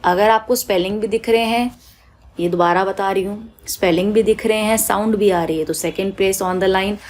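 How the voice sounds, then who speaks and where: A woman's voice: medium pitch, steady tone, normal speed, a little mellow, slight background noise. A woman teaching shorthand on a shared screen, patient, repeating each rule and drawing out vowel sounds in her examples. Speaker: stenography teacher.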